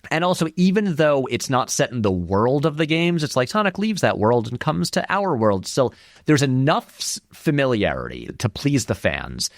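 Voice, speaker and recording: A male interview guest who makes film video essays talks at a moderate pace in a medium-pitched voice, his casual remarks loaded with fillers, restarts and brief, animated quotations. The audio is clean studio sound with no room noise.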